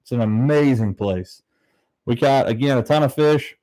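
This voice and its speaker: A man's voice: mid-range voice, normal speed, mellow, dry recording. Man chatting casually on a fishing livestream. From southern Ohio, United States. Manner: laid-back, rambling, peppered with "man" and "dude". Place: very small, bare-walled home room used as a studio, slightly echoey.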